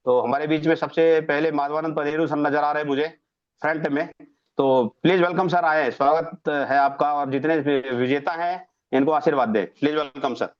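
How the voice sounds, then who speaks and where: Guy hosting a zoom award event, kinda high voice, big formal intros, muffled call audio. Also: fairly even intonation, normal speed. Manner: effusive, ceremonial introductions. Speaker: webinar host. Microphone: video call.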